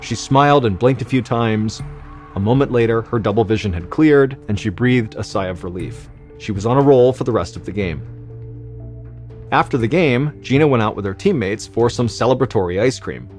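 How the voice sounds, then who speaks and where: A man telling a true medical mystery in scripted narration, measured and suspenseful, dropping quieter at the tense moments. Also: medium pitch, faint music behind. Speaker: storyteller.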